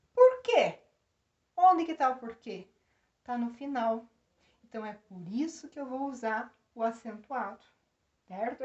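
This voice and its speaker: Woman teacher in an echoey room. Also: fairly high pitch. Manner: explains slowly, checks in with "né?" and "tá?". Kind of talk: grammar lesson. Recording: echoey room, dull lo-fi sound.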